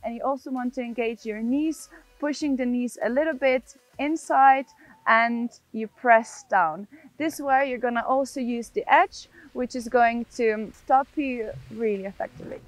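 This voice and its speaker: On a snowy ski slope outdoors, a young adult ski instructor explains technique step by step to the camera, frequently asking "yeah?". Her fairly high voice moves at a measured pace, with a dry recording and background music.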